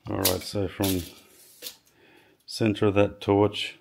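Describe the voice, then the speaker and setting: A man casually walking through his workshop build, halting often with ums and restarts as he measures and explains. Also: lowish voice, level tone, creaky, very noisy. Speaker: home builder showing his project. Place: home garage workshop.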